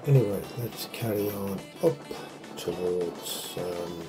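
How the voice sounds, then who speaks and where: This man's voice sits low and moves slowly as he guides a vlog walking tour along a windy seaside path outdoors. He rambles casually, full of fillers, into a handheld camera mic buffeted by wind, with background music behind him.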